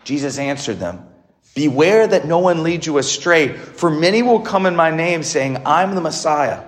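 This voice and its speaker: Male priest preaching, slightly high-pitched voice. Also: animated, moderate pace, roomy sound. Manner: rhetorical questions, short emphatic phrases. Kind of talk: sermon, explanatory and conversational.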